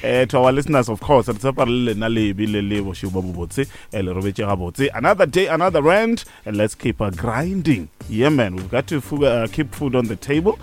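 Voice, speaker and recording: A man's voice: medium pitch, lively intonation, brisk, few pauses, soft background music. A South African man hosting a bantering morning radio show, hyping up his co-hosts with exclamatory introductions. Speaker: lead radio host. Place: radio studio.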